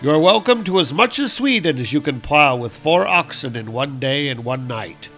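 A man's voice: on the high side, expressive, normal speed, a bit bright, faint music behind. A man voicing a grateful, earnest king who speaks formally. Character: grateful middle-aged male king, earnest.

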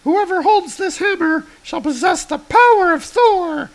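A man voicing a stern young warrior woman from a comic, in a much higher voice with formal, measured speech. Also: lively intonation, heavily acted. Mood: stern calm.

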